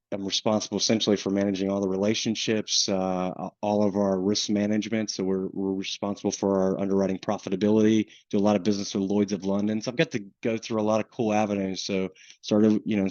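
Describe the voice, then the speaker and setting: A man with a Southern US accent and a lowish, darkish voice presents a flood insurance webinar casually, restarting often and using plenty of fillers. The audio is dull and lo-fi, with no echo.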